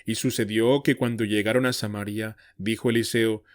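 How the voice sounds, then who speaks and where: A man's voice: fairly low pitch, steady tone, normal speed, no echo. Man reading scripture, dry close sound. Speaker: Bible reader.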